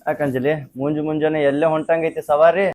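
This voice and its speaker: A man's voice: fairly high pitch, level tone, a little fast, darkish tone, faint music behind, lightly acted. A man with a North Karnataka Kannada accent playing a possessive young man who is to be her husband, bossy in tone. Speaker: fiancé. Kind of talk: short film acting.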